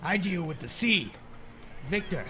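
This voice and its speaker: A man acts out a gruff old seafarer in a tabletop game. He is hearty and blustering, pitched fairly high and loud, over noticeable background noise. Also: expressive, a little slow, full character voice. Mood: blustery, indignant. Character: gruff, hearty old sailor greeting a long-lost friend.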